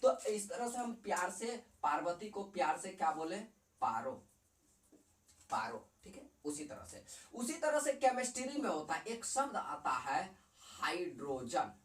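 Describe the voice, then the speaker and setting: Lively Bihari-accented man teaching chemistry. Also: high-pitched, moderate pace, roomy sound, far from the mic. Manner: chatty, repeats and quizzes the viewer, mixes in dialect. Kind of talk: casual classroom lecture.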